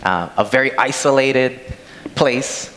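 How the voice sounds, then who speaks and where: A man's voice: mid-range voice, takes it slowly, fairly bright tone. A young man from Hawaii preaching a sermon in a large church sanctuary, reading scripture and then telling a personal story in a plain conversational way as he walks the stage with a handheld mic. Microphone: handheld microphone from a far camera. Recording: long church hall reverb, faint noise.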